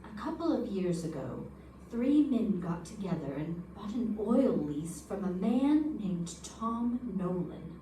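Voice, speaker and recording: A woman with a medium-pitched, sing-song, mellow voice speaks slowly, playing an earnest, anxious male informant afraid for his life in an old-time radio drama. Her mood is grave and convinced; the recording is echoey and distant, with background noise.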